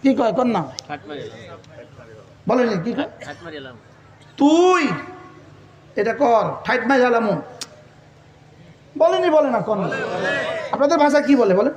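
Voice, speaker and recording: Male preacher, high-pitched, fiery, echoey loudspeaker sound. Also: very animated, takes it slowly, long pauses. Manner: fiery, calls out to the crowd; quotes Arabic verses in a chant. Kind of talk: Bengali waz sermon.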